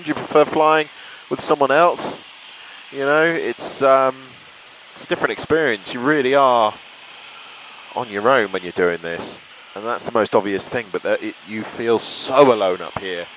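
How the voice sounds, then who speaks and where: Flying a small light aircraft, this British man vlogs to his viewers in a relaxed, enthusiastic, thoughtful way. His voice is mid-range and a little bright, with the highs cut off, and engine noise comes through clearly in the cockpit.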